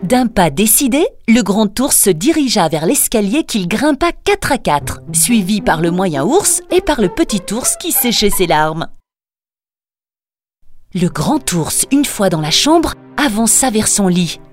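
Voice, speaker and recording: Slow singsong woman storyteller. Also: mid-range voice, big pitch swings. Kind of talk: scripted fairy-tale narration. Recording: narration over soft music.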